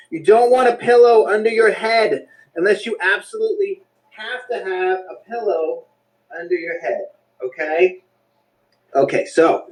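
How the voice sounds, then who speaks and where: A man's voice: high voice, a little mellow, poor audio. A man leading a breath work class, giving casual, blunt instructions with jokes and the odd swear word.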